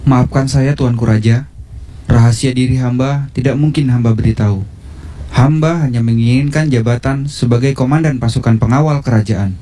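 A man's voice: mid-range voice, moderate pace, mellow, close to an everyday voice. A man playing a proud, determined warrior in a historical drama, speaking formally and firmly. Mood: proud, resolute. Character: proud, determined warrior seeking royal command post. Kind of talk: Indonesian historical drama dialogue.

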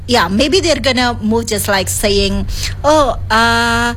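A woman's voice: fairly high pitch, slow pace, a bit bright, a little hiss or hum. A woman teaching an English conversation class, patiently coaxing her students and explaining step by step.

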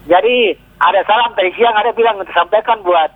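High-voiced man on a choppy phone line. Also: quick pace. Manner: cheerful, chatty, laughs often. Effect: choppy, breaking-up phone call. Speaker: radio show caller. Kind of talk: casual chat.

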